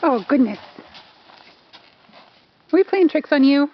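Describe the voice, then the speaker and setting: A woman's voice: sits high, expressive, slow pace, muffled recording, background noise. A woman filming her horse outdoors by a fence, chatting to him fondly and laughing often, on a handheld camera. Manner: laughing often, cooing affectionately. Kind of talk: casual chat to a horse.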